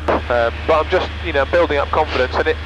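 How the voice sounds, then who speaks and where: A man's voice: on the high side, fast. A man who pilots a small aircraft, chatting casually to his passenger as he flies. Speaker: pilot giving a passenger a flight. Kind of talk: casual chat while flying. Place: microlight cockpit in flight. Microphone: aircraft headset. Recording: dull cockpit headset, loud engine noise.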